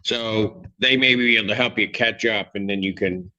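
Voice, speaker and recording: A male judge running a courtroom hearing, brisk and directive as he moves through cases. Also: lowish voice, bright, forceful tone, muffled recording.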